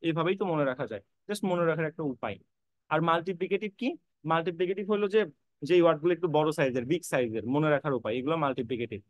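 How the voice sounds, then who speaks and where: A man's voice: on the high side, lively intonation, racing, dry recording, highs cut off. A man teaching an online English grammar class, repeating points and spelling words out letter by letter while reassuring his students. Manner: reassuring, addresses students directly. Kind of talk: online admission-prep lecture.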